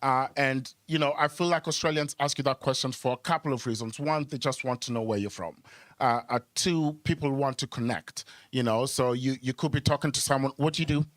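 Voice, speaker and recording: Brisk and medium-pitched, with a fairly bright tone, the comedian is captured in a dry recording. He is from Kenya and does conversational stand-up at a club stage microphone, telling stories, bantering with the audience, and pausing to repeat words.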